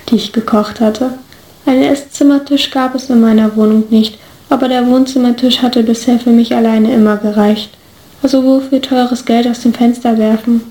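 A woman reads a story aloud with steady, even storytelling. Her voice is mellow and sits fairly high. It rings in an echoey room. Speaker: reader.

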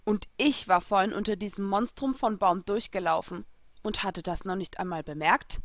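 Woman narrator, expressive first-person storybook reading, dry close sound. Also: medium pitch, normal speed, dry recording. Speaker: reader.

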